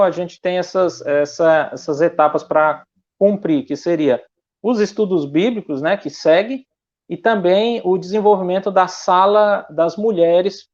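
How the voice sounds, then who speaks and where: A male missionary gives a conversational church interview in a high-pitched, darkish voice captured with lo-fi sound. He speaks haltingly, hesitating often and filling his talk with restarts and fillers.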